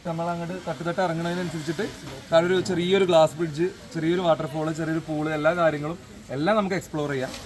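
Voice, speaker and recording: A man's voice: a little high, fairly even intonation, very fast. A man with a Kerala Malayalam accent casually explaining things. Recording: noisy outdoors with vehicle sounds.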